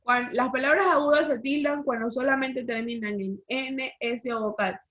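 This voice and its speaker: A woman's voice: sits high, fairly even intonation, moderate pace, a bit bright. A woman teacher giving an online language lesson, explaining rules and quizzing the class with questions over a video call. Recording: slightly dull lo-fi call audio.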